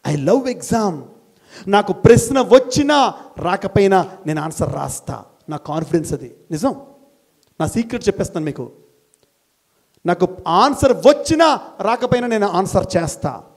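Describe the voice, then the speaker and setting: Man, motivational speaker to a student crowd, lively and scolding, high-pitched, mixes in English phrases. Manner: animated, scolding, teasing the audience. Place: college hall.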